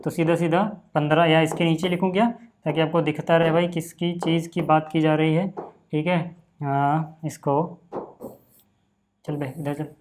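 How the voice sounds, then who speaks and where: A man teaching a maths lesson in a relaxed, chatty way, often saying "okay" and calling his students "brother". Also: fairly high pitch, normal speed. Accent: Hindi. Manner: casual, repeats "ठीक है" and "भाई" often. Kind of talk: screen-recorded maths lesson.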